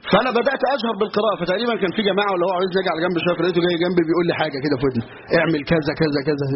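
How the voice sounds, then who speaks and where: A man's voice: high-pitched, racing. A man with an Egyptian Arabic accent giving a colloquial religious lesson, telling stories and asking rhetorical questions. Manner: storytelling, lively, asides and rhetorical questions. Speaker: religious teacher. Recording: muffled recording with steady hiss.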